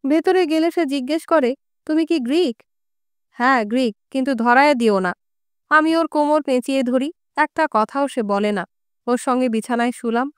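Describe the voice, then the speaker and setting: A woman's voice: high voice, moderate pace, clean tone, no echo, clean studio sound, close to an everyday voice. A woman voicing a coarse, brooding old Greek man who speaks in crude colloquial talk full of curses, in an audiobook reading.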